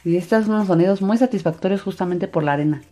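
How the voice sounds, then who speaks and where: A woman's voice: fairly low pitch, fast talker, mellow. A woman narrating a hands-on craft video for children in an enthusiastic, sing-song way. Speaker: host of a slime craft channel. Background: background music.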